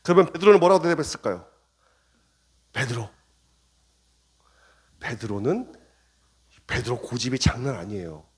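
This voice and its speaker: Animated man preaching a revival sermon. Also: medium pitch, moderate pace, long pauses, breathy edge. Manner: animated preaching, acts out dialogue in shifting voices. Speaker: pastor. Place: church sanctuary.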